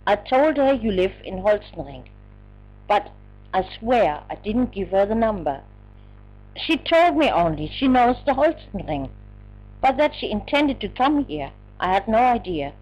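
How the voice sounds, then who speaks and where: A woman's voice: medium pitch, big pitch swings, unhurried, darkish tone, rough recording. A woman voicing a female friend who laughs things off and then earnestly pleads to be believed. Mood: pleading. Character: cheerful woman friend, placating.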